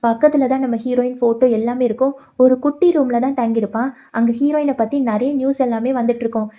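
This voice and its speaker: Woman rattling off a drama plot, quick and a bit high, dull lo-fi sound. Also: fairly even intonation. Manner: chatty storytelling, voices the quoted lines lightly. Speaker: drama story narrator. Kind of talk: casual retelling of a drama plot.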